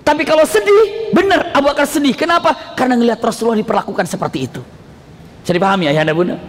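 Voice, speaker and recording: A male preacher, giving a lively sermon that keeps asking the audience questions. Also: extremely high pitch, very fast. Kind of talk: Islamic sermon. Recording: long hall reverb.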